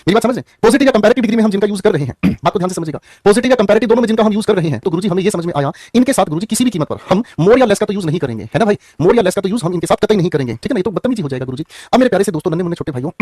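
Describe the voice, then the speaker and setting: A young man from the teaching English grammar in an online class, teasing students by name with quick jokes. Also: high voice, darkish tone, no room sound, studio quality.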